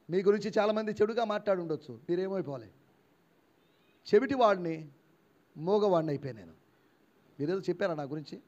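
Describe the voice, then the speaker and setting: A man preaches in a high, animated voice, swinging from soft asides to loud emphatic shouts. He acts out the replies of imagined listeners. The church recording sounds dull and lo-fi. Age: 50s. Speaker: pastor. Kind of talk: sermon.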